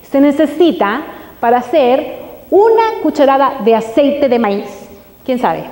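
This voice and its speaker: A woman giving a live health talk to an audience, asking it many quick questions. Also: high-pitched, darkish tone. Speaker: health speaker. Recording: echoey hall.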